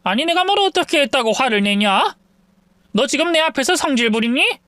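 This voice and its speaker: A grumbling, defensive old mother-in-law who brushes off every complaint, voiced by a man in a raised, sharply swinging pitch. The delivery is close-miked and dry. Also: lively intonation, brisk, bright, forceful tone, dry recording, exaggerated voice. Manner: grumbling, dismissive retorts.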